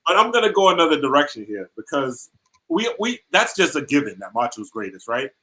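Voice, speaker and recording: A man's voice: on the high side, big pitch swings, fairly quick, bright, forceful tone. A man on a podcast panel, giving his opinions in a casual, wry way.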